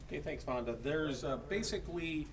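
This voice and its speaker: Picked up by a distant mic over faint background noise, this American man has a slightly high voice and a moderate pace. He describes products casually and simply, salesman-style, inside an electronics store.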